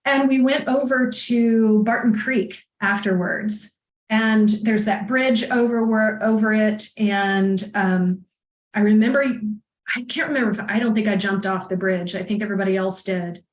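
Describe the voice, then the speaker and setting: A woman coach as a podcast guest, telling personal stories in a chatty, animated way and laughing often. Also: mid-range voice, normal speed. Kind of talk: casual conversation, personal storytelling. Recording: echoey room.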